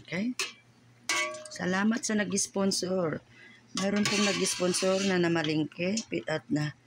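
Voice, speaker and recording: A woman chats slowly and thankfully through a face mask as she runs a home cooking vlog. Her voice is muffled and rough with fry. The recording carries a clear hiss of noise. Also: fairly low pitch. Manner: slow, chatty, thankful. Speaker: home cook vlogger.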